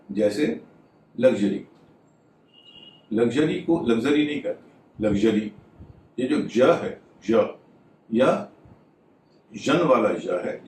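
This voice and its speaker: A man gives a methodical video lesson on pronunciation, spelling words out letter by letter. His voice sits at an ordinary pitch and sounds a little off-mic. The room is echoey, with a faint hum behind him. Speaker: English pronunciation teacher. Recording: roomy, slightly distant mic with faint ambience.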